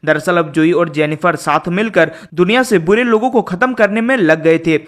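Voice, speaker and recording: A man narrating a movie plot recap in a steady, even storytelling delivery. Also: high-pitched, moderate pace.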